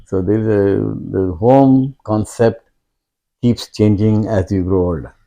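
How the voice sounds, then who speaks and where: An older man, speaking slowly and reflectively as an interview guest, pausing often and restarting his sentences. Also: fairly low pitch, dark tone. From India. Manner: halting and reflective, many fillers and restarts. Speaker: guest, father of host. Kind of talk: conversational interview.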